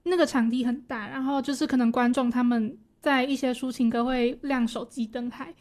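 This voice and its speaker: A woman's voice: high-pitched, steady tone, brisk, darkish tone. A young woman with a Taiwanese accent co-hosts a casual chat in an agreeable, eager manner. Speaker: podcast co-host.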